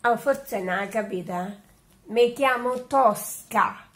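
A woman's voice: a little high, moderate pace, lightly acted. An actress playing a blunt, teasing woman in a comic sketch. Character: blunt Roman woman calling herself Tosca. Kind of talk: comic theater dialogue.

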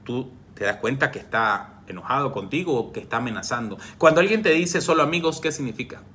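A man's voice: medium pitch, expressive, brisk, a little hiss or hum. Man in his forties giving frank advice. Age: 40s. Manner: warm direct advice, addresses viewers by name. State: coughing from reflux. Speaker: relationship coach. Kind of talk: live stream chat reading comments.

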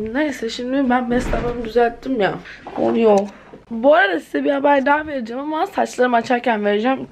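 A slightly mellow, mid-range female voice comes through with a little hiss or hum. She's an eighteen-year-old talking casually to the camera at home indoors, telling a chatty, dramatic story punctuated with exclamations.

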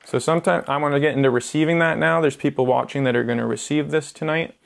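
A man's voice: fairly high pitch, fairly even intonation, quick pace, creaky. A young man preaching informally, casual and earnest, with filler words and restarts. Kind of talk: informal sermon teaching.

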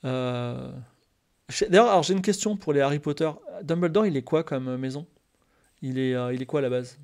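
A man talking casually to his live-stream chat, rambling with many fillers and restarts and turning animated when excited. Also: mid-range voice, a little fast.

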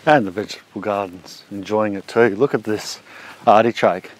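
A man's voice: fairly low pitch, moderate pace, slight background noise. A man in his forties with an Australian accent, casually showing his backyard food garden outdoors while walking, recorded on a handheld camera. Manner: relaxed, chatty explaining while walking. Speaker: homesteading vlogger. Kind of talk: casual garden walk-through. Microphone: handheld action camera.

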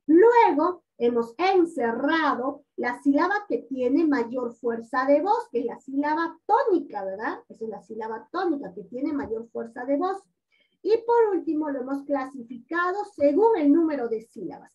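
High-voiced patient woman teacher, online. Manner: patient, coaxing, repeats words slowly. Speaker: primary school teacher. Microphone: video call. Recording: dull lo-fi audio, distant from mic.

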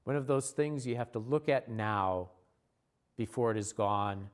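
A man, a church leader, giving a recorded sermon in a measured, earnest way, slowing down for repeated refrains. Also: mid-range voice.

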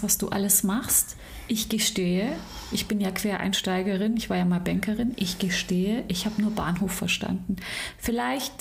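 A woman hosting a podcast in a relaxed interview tone. Her voice has a gravelly, creaky edge. She asks long, winding questions and restarts herself often. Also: fairly high pitch. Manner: chatty, rambling questions with many restarts. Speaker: podcast host. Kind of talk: casual interview.

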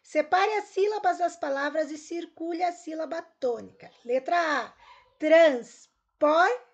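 Woman teacher, Brazilian Portuguese accent, high voice, upbeat, talks to pupils. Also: normal speed, dull audio. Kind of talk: recorded class lesson correcting homework.

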